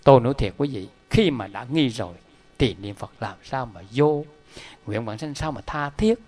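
A middle-aged Buddhist lay teacher gives a dharma talk, telling stories animatedly and emphatically while addressing his listeners directly. His voice is mid-range and his pace normal.

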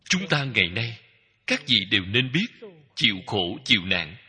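A man giving a Buddhist dharma talk as a teacher, speaking in slow, measured short phrases that repeat. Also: fairly low pitch, very animated, pushed and bright, husky. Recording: long hall reverb.

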